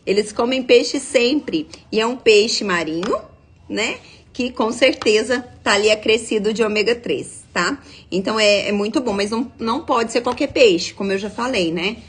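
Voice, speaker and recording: A young adult woman, her voice a bit high and husky. She explains nutrition like a nutritionist on a live stream, stopping often to check that her viewers are following. She also answers her viewers' comments as she goes. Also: normal speed. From Minas Gerais, Brazil. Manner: explanatory, checks in with frequent tag questions.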